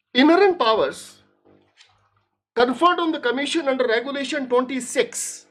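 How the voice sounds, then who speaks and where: High-pitched woman lawyer, formal legal reading. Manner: formal legal reading, deliberate and emphatic with repeated phrases. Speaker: lawyer arguing before a judge. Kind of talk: formal courtroom argument. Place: courtroom live stream.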